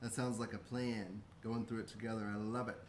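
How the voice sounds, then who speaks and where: A man's voice: lowish voice, level tone, fairly quick. An American man co-hosting a casual livestream, speaking hesitantly and repeating himself. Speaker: co-host. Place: indoor room. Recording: roomy echo, faint background noise.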